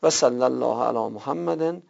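A man teaching a grammar lesson in a slow, deliberate way, checking his students with rhetorical questions. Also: medium pitch, gravelly, darkish tone. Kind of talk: classroom grammar lecture. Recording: dull lo-fi recording.

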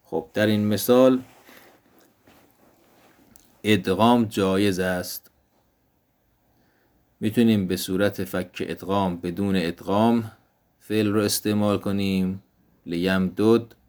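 A man teaching an Arabic grammar lesson, explaining step by step and repeating each example word slowly. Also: lowish voice, steady tone, a little mellow. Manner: slow, deliberate explanation, repeating example words.

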